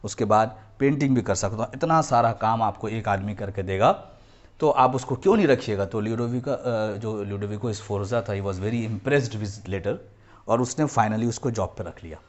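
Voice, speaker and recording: A man with a fairly low voice and a moderate pace gives a history lecture to children in a classroom. He explains each term, repeats the key points, and often slips into English phrases.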